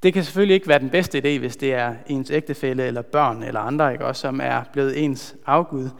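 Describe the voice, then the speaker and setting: A man's voice: mid-range voice, vocal fry. Man preaching in a reverberant hall. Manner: earnest, measured, slows for emphasis. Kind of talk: sermon with a retold story.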